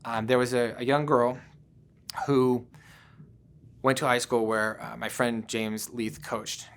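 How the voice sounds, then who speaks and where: In a slow, flat delivery at medium pitch, a man gives a virtual conference talk. His manner is conversational, built around personal stories, with frequent "um"s and "you know"s.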